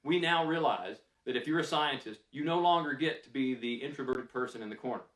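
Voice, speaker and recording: A man's voice: mid-range voice, a little fast, fairly bright tone. A man answering audience questions after a lecture, candid and conversational, thinking aloud with fillers. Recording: roomy, mic some distance away.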